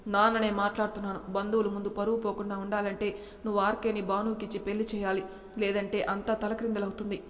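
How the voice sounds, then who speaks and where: A woman's voice: mid-range voice, little pitch movement, fast talker, long reverb tail, natural voice. A woman voicing a stern older father who scolds and warns his grown son in a storybook drama. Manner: scolding, warning.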